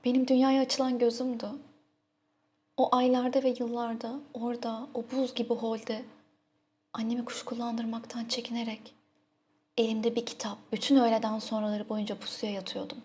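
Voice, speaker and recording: Soft-voiced woman reading a novel. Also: a little high, little pitch movement, moderate pace, slight background noise. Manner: soft, intimate, emotive delivery. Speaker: audiobook narrator. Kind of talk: literary audiobook reading.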